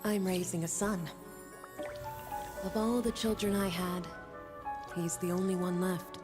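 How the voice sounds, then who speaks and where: Woman as weary witch mother, lowish voice, slow, wry, game dialogue. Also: fairly even intonation, over music, lightly acted. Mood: wistful. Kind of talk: video game voice acting.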